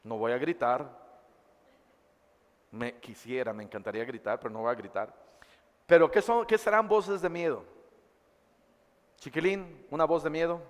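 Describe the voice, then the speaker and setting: A male pastor preaching a sermon and reading scripture aloud, dramatically swinging between loud and hushed delivery. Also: fairly high pitch, moderate pace, pauses often, long reverb tail. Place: church.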